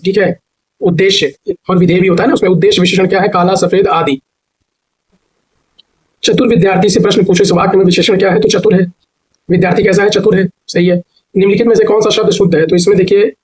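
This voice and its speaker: A man teaching an exam-prep grammar lesson, explaining step by step and repeating words slowly to spell them out. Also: sits high, slightly rough, rough recording.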